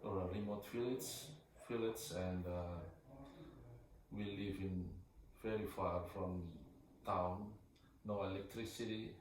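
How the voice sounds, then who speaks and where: A man from Indonesia in his thirties, answering interview questions softly in short, halting phrases. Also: low voice, steady tone. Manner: soft-spoken, hesitant, short halting phrases. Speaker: guest. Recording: echoey room, voice far from mic, faint background noise.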